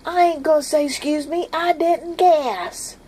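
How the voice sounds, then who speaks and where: A woman's voice: high-pitched, measured pace, mellow, voice pushed up. A woman voicing an indignant young boy who insists he did nothing.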